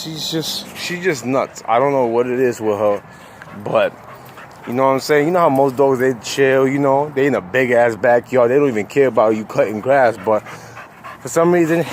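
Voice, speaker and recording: A man's voice: mid-range voice, normal speed, slight background noise. A man vlogging casually to his viewers in a backyard, laid-back and slangy, a bit out of breath. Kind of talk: casual vlog talk to viewers. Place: backyard outdoors.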